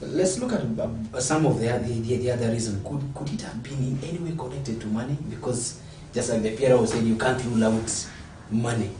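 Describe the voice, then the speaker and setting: A man's voice: medium pitch, dark tone, recorded from a distance, a little hiss or hum. Male talk show host, off-mic, echoey. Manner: halting, repeats words while asking. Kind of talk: studio interview. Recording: echoey room, off-mic, faint ambience.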